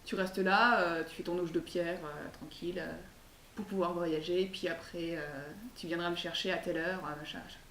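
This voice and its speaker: A fatherly, worried abbot from a folk tale, chatting casually and reassuring, full of hesitant fillers, as a woman storyteller puts him on. The voice sits a little low. The recording is echoey and distant, with faint hiss. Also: fairly even intonation, fairly quick, a bit bright. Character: worried older male abbot, gently lecturing. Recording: echoey room, far mic, faint hiss.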